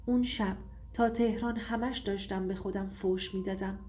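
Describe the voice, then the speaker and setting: A woman giving a steady, tense first-person scripted story narration, with faint music behind. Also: medium pitch.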